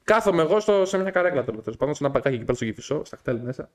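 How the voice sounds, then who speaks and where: A young man, co-host of a podcast, chatting casually in a studio as an animated storyteller who swears a lot. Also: on the high side.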